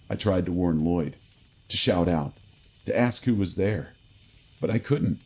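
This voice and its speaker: A man reading a first-person horror story in a slow, grave storytelling manner. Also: low voice, gravelly, a little mellow, breathy edge, poor audio. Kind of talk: scripted horror narration.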